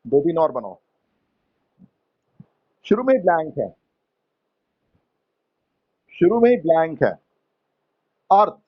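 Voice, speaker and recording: A male teacher with an Indian accent talks unhurriedly, prompting pupils and walking them through grammar rules. His voice sits a little high for a man. The classroom recording sounds dull and lo-fi. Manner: slow, coaxing teacher prompting students to answer; explains grammar in Hindi mixed with English terms. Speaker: English teacher. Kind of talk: classroom lesson.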